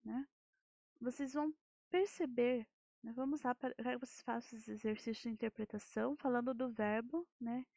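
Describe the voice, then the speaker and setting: A woman's voice: sits high, a little mellow, dry recording. A Brazilian Portuguese-speaking woman teacher explaining a grammar lesson, asking rhetorical questions and often checking with "né". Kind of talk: recorded classroom lesson. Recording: dull lo-fi dry audio.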